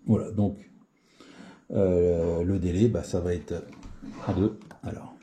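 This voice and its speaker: A man's voice: low-pitched, fairly even intonation, slow pace, dark tone, a little hiss or hum. A man giving a casual spoken tutorial on radio settings, hesitant, with many fillers and restarts. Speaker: CB radio hobbyist demonstrating settings.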